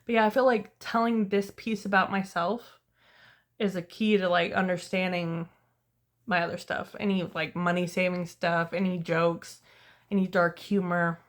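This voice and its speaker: A woman's voice: fairly low pitch, flat delivery, normal speed. A young woman, talking candidly to camera in a casual storytime vlog, tired and losing her voice. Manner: candid, rambling, self-deprecating. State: tired, voice going hoarse. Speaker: vlogger.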